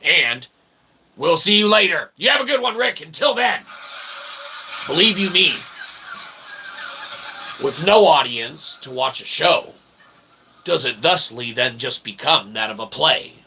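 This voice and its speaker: A show host and author signs off to his audience in a rambling, jokey, theatrical way, using mock-formal, wordy phrasing. His voice is fairly high and animated, moving at a measured pace with long pauses, and there is background noise.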